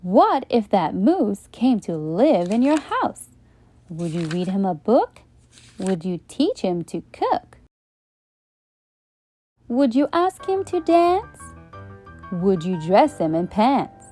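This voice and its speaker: Slow, lively woman reading a bedtime story. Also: medium pitch, soft background music. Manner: gentle, questioning read-aloud. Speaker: storyteller host.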